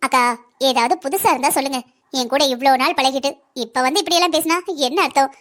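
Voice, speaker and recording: Here a woman speaks fast in a high, fairly bright voice, playing a sly, mocking young cartoon villainess who swapped a baby. The mood is taunting, and she delivers her lines with mocking politeness.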